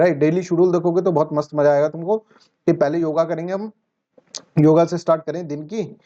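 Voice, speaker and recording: A man's voice: a little high, warm tone. Chatty man teaching exam prep. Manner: chatty, asks and answers his own questions. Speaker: current affairs teacher. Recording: dull lo-fi sound.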